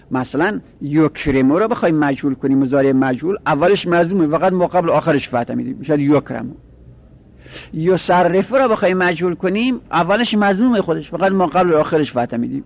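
A man lectures in a methodical way, stating each rule and then repeating it. His voice sits a little high for a man. He sounds like a teacher talking a class through a lesson. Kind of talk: lecturing on Arabic grammar.

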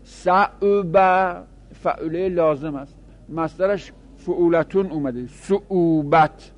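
A man teaching a grammar lesson to seminary students, chanting example words slowly and then explaining them in quick asides. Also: fairly high pitch, highs cut off. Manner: addresses students directly, with small laughs. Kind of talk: classroom lecture on Arabic grammar.

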